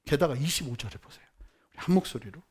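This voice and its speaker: A male pastor preaching a sermon with emphatic swings between quiet murmurs and loud outbursts, leading the congregation in reading scripture aloud. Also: a little high, lively intonation, fast, husky. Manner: leads the congregation in unison Bible reading.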